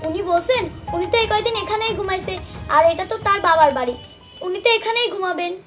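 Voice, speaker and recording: A precocious niece lecturing her aunt; very high, quick voice. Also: lively intonation, music in the background. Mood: cheeky. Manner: cheeky, lecturing. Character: outspoken, precocious young niece.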